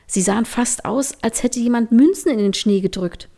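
A woman reading a bedtime story aloud, softly and often in a whisper. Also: a little high, normal speed, gravelly. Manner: soft, often whispered narration.

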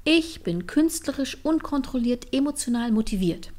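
A woman voicing a playful, chaotic young woman who is bubbly and excitable, in a storybook reading. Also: mid-range voice, unhurried, gravelly. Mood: indignant.

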